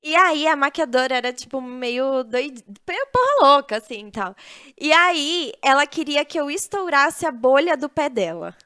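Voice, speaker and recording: Uma apresentadora de videocast de beleza contando histórias de forma animada, rindo com frequência. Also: female voice, high voice, measured pace. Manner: animated storyteller, laughs often. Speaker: podcast co-host. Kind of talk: casual podcast chat.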